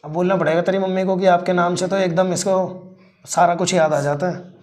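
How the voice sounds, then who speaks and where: A male teacher who teaches a chemistry class, fondly teasing and mock-scolding his students while slowly spelling out formulas step by step. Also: high-pitched, fairly even intonation, a little mellow. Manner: affectionate, teasing and scolding, calls students "beta".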